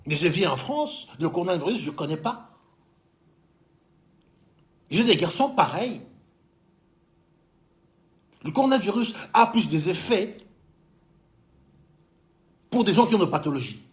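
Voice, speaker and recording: A man's voice: high-pitched, big pitch swings, a little slow, long pauses. A man from Congo who runs a business in France, giving heated political commentary and scolding a president he addresses directly. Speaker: business owner living in France.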